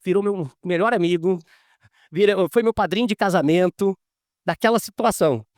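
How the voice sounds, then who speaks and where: A man's voice: high voice, moderate pace, no echo, studio quality. A man, a lawyer being interviewed, telling stories casually and acting out the dialogue as he goes. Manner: animated, acts out quoted dialogue.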